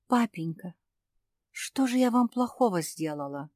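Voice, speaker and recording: A woman's voice: medium pitch, expressive, measured pace, a little mellow, no room sound, clean studio sound. A woman voicing a meek, mistreated young female dog who pleads timidly.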